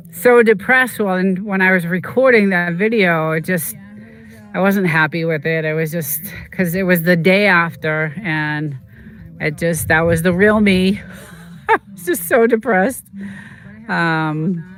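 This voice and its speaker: A vlogger in casual, rambling chat, repeating words and filling pauses, and turning emotional when recalling a pet's injury. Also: medium pitch, fairly bright tone. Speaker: vlogger telling a personal story.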